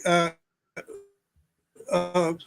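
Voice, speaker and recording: Guy on a glitchy call, audio keeps cutting out, slow halting uh uh talk. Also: high-pitched, completely flat delivery, vocal fry. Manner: halting, many "uh" fillers. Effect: call audio breaking up and dropping out. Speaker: interviewer. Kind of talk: online video call interview.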